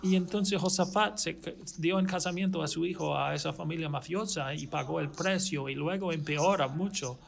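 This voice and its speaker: High, gravelly-voiced male pastor preaching. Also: normal speed, hardly any pauses. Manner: animated storytelling, acting out the characters' dialogue; emphatic preaching with frequent restarts. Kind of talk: sermon retelling a Bible story.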